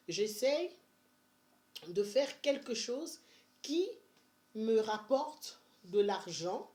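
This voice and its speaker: Woman vlogger, Benin-born, chatty and energetic, casual advice talk. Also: medium pitch. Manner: chatty and energetic, with many fillers and restarts. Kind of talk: casual money-saving advice vlog.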